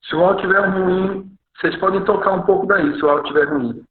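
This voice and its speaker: A man's voice: high voice, fast talker, a little hiss or hum. A man speaking as a guest over an internet call whose audio keeps breaking up, talking hesitantly with many restarts. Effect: choppy, breaking-up internet call audio. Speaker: missionary guest on a video call. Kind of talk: casual interview talk. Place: remote village in the Amazon. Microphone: video call. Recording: muffled echoey call audio that keeps cutting out.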